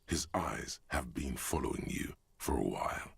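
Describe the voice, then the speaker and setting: An actor voicing the brooding inner narrator of a detective game, deep and husky, in a grave, confiding manner. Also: male voice, lively intonation, normal speed, exaggerated voice. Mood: ominous.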